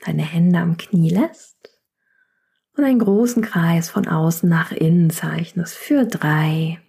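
A yoga instructor guides a chair yoga class, calmly cueing each breath and counting down the holds. Her voice is soft and husky, sitting on the low side, and often drops to a near-whisper.

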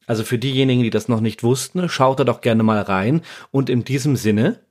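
A man with a lightly raspy voice at a middle pitch co-hosts a podcast. He presents in a prepared, scripted style. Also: fairly quick, a little mellow. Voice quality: slightly raspy. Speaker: podcast co-host.

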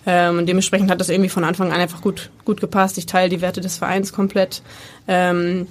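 A woman in her twenties from Bremen, Germany, is a women's football player answering interview questions as a guest, with many fillers and hesitations. Her voice sits on the low side, with flat delivery and a fairly quick pace.

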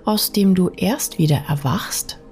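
Slow, low-voiced woman narrating a sleep story. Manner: soft, soothing, partly whispery, addressing the listener intimately. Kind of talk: scripted bedtime sleep story narration, guided relaxation. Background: music.

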